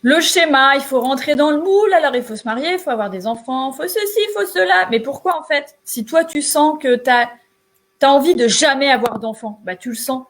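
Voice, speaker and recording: Animated woman giving casual pep talk. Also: high voice, a little fast. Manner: animated, emphatic, colloquial. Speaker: entrepreneur and show co-host. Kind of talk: casual motivational chat.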